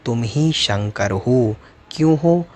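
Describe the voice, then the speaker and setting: Man slowly explaining sacred verses. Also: medium pitch, animated. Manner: chants verses slowly, then explains with rhetorical questions. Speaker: Jain teacher. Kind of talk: scripture recitation and explanation.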